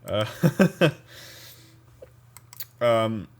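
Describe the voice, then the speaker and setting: Man from Belgium, lowish voice, casual podcast chat, relaxed, hesitant fillers. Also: very slow, smooth. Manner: easygoing, laughs often, hesitant with fillers. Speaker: podcast co-host.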